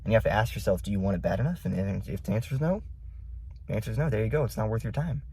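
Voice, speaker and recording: A man's voice: fairly low pitch, animated, racing, dark tone, slightly rough. A man chatting casually to his phone camera as an amateur vlogger.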